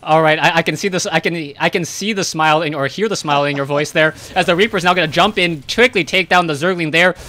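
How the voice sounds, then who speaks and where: Guy with a high bright voice doing quick play-by-play, gets hyped in fights. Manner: brisk play-by-play, rising excitement in fights. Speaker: esports caster. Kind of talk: play-by-play commentary.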